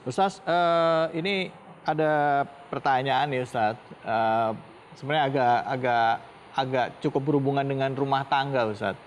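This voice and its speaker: A man's voice: medium pitch, normal speed, slight background noise. A male TV show host putting a viewer's question to a preacher, hesitant and deferential, repeatedly addressing him by title.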